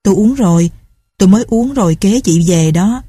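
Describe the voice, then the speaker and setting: A woman's voice: mid-range voice, animated, a little fast, mellow, breathy edge, no echo, studio quality. A woman voicing a poor, sick young mother, plaintive and lamenting. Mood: weary.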